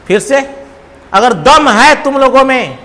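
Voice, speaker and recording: A man teaches a classroom in a high, unhurried voice. He counts out loud, fires questions at the students and teases them playfully. The sound rings with a long hall echo over faint background noise. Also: animated. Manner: teasing, calls students babu, counts aloud, quizzes class. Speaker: chemistry teacher. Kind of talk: classroom lecture.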